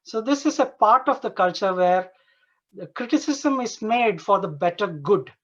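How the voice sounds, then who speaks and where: Through dull, lo-fi online conference audio, a high-pitched, expressive man from Dubai presents informally as an Ayurveda doctor. He comes across as earnest and halting, frequently repeating and rewording what he says.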